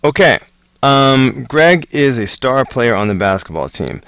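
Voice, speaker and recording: A man teaching math homework, talking through word problems in a relaxed, chatty way with asides. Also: mid-range voice, clean tone, dry recording. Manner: relaxed, chatty, slow and deliberate. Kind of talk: casual homework walkthrough.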